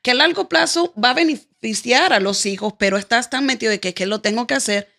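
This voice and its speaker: A woman podcast host with a Caribbean Spanish accent speaks in a fairly high, bright, forward voice. She talks candidly and casually, as in a relaxed conversation between two people. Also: brisk, creaky. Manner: candid, chiming in to finish the guest's thoughts.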